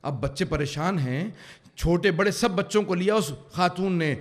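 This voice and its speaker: A male cleric giving an emotional sermon at a religious center, telling stories fervently and swelling to loud emphasis. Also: high voice. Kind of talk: emotional Urdu majlis sermon.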